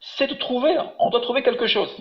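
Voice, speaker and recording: A man's voice: very high voice, fairly quick. A man teaching biblical Hebrew in an online class, patient and encouraging, explaining step by step. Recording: echoey room, dull webinar audio.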